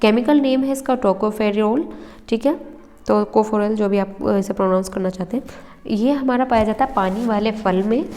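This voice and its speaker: A woman's voice: mid-range voice, normal speed, mellow. A young woman teaching an exam-prep lesson, explaining step by step and checking in with her listeners, with a slight cough now and then. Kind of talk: exam-prep lesson over handwritten notes. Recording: roomy with long reverb.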